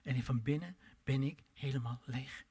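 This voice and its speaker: A man preaching a sermon, swinging between loud emphatic calls and quiet low asides, and drawing out his words when he quotes scripture. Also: breathy edge. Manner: drawn-out pleading delivery when quoting scripture.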